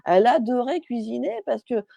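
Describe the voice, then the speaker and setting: Chatty French woman medium, mellow voice. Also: a little high, expressive, normal speed, creaky, no room sound. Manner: chatty, hesitant, many fillers and restarts; relays messages as quoted speech. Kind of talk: live stream reading.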